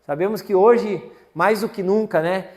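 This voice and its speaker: A man's voice: high-pitched, measured pace, darkish tone. A man preaching a sermon as pastor, telling a family story in a folksy way with frequent tag questions. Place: church. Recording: church hall with long reverb. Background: long hall reverb.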